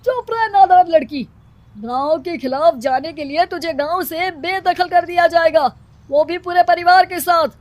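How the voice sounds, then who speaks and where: Lady doing a strict village chief in a cartoon, high pitched, bossy and scolding. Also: measured pace, no room sound. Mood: scornful, threatening. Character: stern, bullying male village headman.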